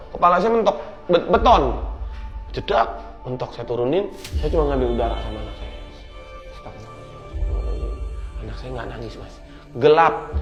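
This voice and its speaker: A man telling an interviewer about surviving a disaster. He speaks earnestly and haltingly, repeats words, and sinks to hushed, murmured prayers at tense moments. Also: on the high side, roomy sound. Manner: earnest, halting, often repeats words and addresses the listener as "Mas". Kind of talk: emotional first-person storytelling. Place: indoor room.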